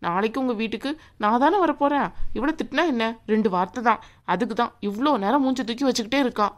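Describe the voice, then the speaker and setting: A woman voicing a fast, bossy bride. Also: a little high, natural voice. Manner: sharp, sneering, bossy. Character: haughty young bride, rude and bossy. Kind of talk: cartoon voice acting.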